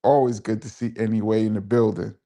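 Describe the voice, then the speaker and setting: Speaking fairly quickly in a lowish voice with some vocal fry and fairly even intonation, a DJ hosts a live stream. He casually reads viewer comments, reminisces, gives shout-outs, and repeats phrases for emphasis.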